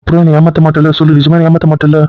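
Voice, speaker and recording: A young man talks fast and pushily in a raised, slightly high voice. The sound is dry and close, with dull lo-fi audio. He plays an insistent husband in a comic skit. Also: monotone, dry recording. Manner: insistent, stubborn, often raising his voice.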